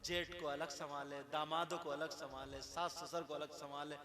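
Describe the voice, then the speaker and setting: A man giving an animated sermon, acting out household quarrels and rising to shouts. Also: fairly high pitch, moderate pace. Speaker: Islamic preacher. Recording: echoey hall with crowd.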